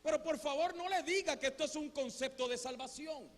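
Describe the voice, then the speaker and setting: A pastor preaching a lively, conversational sermon, full of rhetorical questions. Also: male voice, very high-pitched, fairly quick, in a large hall. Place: church sanctuary.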